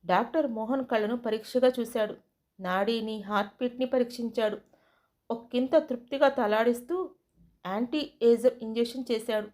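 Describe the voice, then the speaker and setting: Female storyteller, fairly high pitch, steady expressive read-aloud. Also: moderate pace. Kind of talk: storybook narration.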